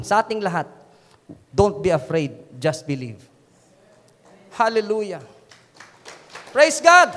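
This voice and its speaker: Filipino man, pastor, high voice, animated sermon, long church reverb. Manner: switches between preaching and quoting scripture; animated, dramatizes the crowd.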